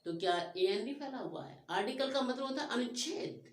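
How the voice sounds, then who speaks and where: A woman with a Hindi accent teaching a grammar lesson, drawing out her English example sentences slowly. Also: on the high side, expressive, roomy sound.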